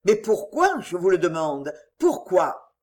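A man's voice: high-pitched, huge pitch swings, slow pace, a little mellow, exaggerated voice. A woman voicing a flustered elderly male doctor, a stern father reacting with incredulous exasperation in a storybook reading.

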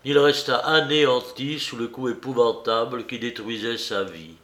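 A man reading a novel aloud in a measured, somber storytelling manner. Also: medium pitch, a bit bright. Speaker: narrator. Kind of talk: audiobook reading.

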